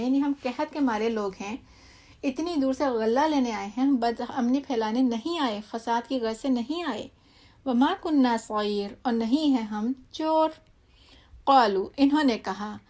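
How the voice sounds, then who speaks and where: A woman giving a word-by-word scripture translation lesson. She recites each phrase slowly, then explains it quickly and drops in English words. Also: a little high, a little mellow. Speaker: Quran teacher.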